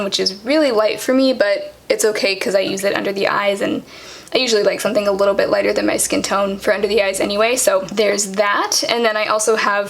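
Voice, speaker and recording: A young woman vlogger casually walking through her makeup products, chatty and quick, with lots of "um" and "like". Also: medium pitch, gravelly. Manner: fast, chatty, many fillers like "um" and "like". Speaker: beauty vlogger.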